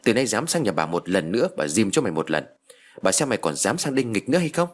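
A man voicing a foul-mouthed old village woman who scolds and curses. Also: sing-song. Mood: furious. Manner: shrill, scolding, cursing rapidly.

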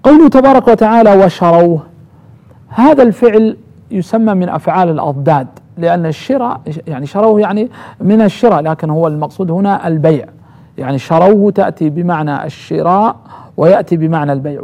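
A man teaching a Quranic exegesis lesson, explaining slowly, repeating each phrase and drawing out the quoted verses. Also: high-pitched, dark tone. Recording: dull lo-fi recording.

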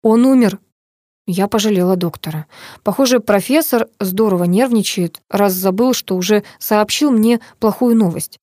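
A woman reading a first-person novel aloud as an audiobook narrator, calm and measured. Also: mid-range voice, dry recording, studio quality.

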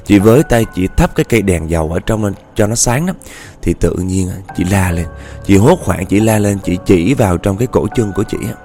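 Low-voiced man telling ghost stories. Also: expressive, fairly quick, mellow, soft background music. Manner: chatty, addresses listeners directly. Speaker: storyteller. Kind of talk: ghost story narration.

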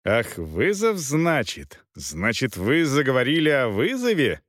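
A man's voice: medium pitch, wildly swooping pitch, unhurried, fairly bright tone, no echo, studio quality. A man reading aloud, voicing a proud male knight who haggles and accuses in a cutting way. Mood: angry.

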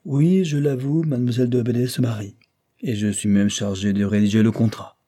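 A man's voice: mid-range voice, steady tone, brisk, mellow, close to an everyday voice. A man voicing a composed, good-humoured male lawyer who speaks with cool courtesy. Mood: calm.

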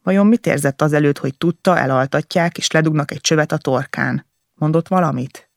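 Gravelly-voiced man reading a novel, dry close sound. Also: on the high side, no room sound. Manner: intense, emotional delivery in short halting phrases. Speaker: audiobook narrator. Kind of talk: first-person novel reading.

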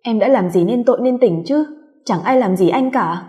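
A woman's voice: on the high side, normal speed, warm tone, close to an everyday voice. A woman voicing a beaten, pregnant young wife who begs weakly and falters. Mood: pleading. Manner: weak, faltering pleading. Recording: long hall reverb.

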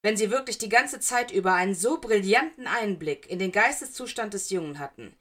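A woman's voice: medium pitch, lively intonation, a little fast, fairly bright tone. Blunt, harsh woman teacher, read by a woman. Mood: accusing. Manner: gruff, cutting.

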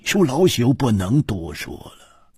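A man's voice: deep voice, sing-song, darkish tone, husky, no room sound, studio quality, heavily acted. A man voicing a courteous, evasive old swordsman in a read-aloud martial arts story. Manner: measured, self-styled "old man". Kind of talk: storybook narration.

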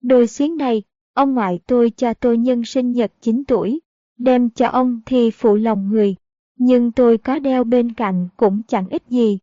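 A woman voicing a kind, gentle young noble girl who speaks earnestly. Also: a little high, steady tone, unhurried, no room sound, natural voice. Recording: dull, dry audiobook recording.

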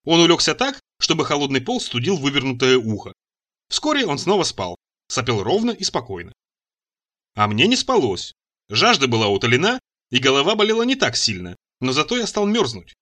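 A man narrating an audiobook in the first person, with a bright, clear tone. His delivery is animated and swings widely in pitch, wry and expressive. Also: fairly quick. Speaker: audiobook reader.

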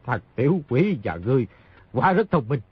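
A man reading an audiobook, voicing a wounded, boisterous swordsman with a rough, boastful manner and loud laughter. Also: mid-range voice, expressive, fast talker, dry recording. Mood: amused. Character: wounded gruff male swordsman, boisterous and fierce. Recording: dull lo-fi audio.

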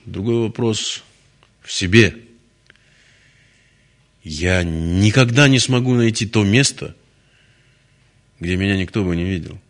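A man voicing a humble young male disciple who answers quietly and honestly, reproaching himself. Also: on the low side, slow pace, pauses often.

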